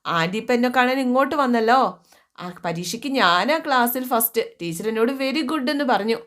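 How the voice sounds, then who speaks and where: A woman voicing an eager, affectionate little girl with a high childlike tone. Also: lively intonation, moderate pace, a bit bright.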